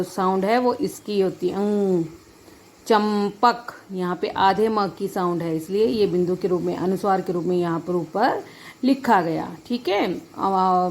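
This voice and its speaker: A woman teacher giving a grammar lesson, patient, repeating each point and checking that her students follow. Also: mid-range voice. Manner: addresses students as children.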